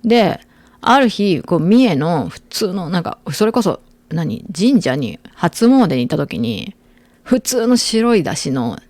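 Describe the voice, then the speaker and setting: A middle-aged woman, co-hosting a casual chat show and telling stories in an animated way. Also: lowish voice, measured pace, no echo. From Aichi, Japan. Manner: animated storyteller, lively quoting voices. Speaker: podcast host.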